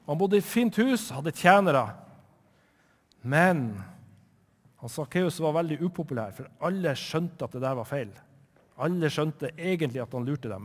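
Man from northern norway, children's sermon, chatty storyteller, fairly high voice, long church reverb. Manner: lively, chatty, asks the listeners questions. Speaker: preacher telling a Bible story.

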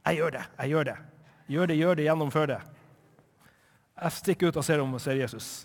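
A man's voice: on the high side, in a large hall, lightly acted. A man voicing an anxious little tax collector who mutters to himself in a story told in church. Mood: resolved.

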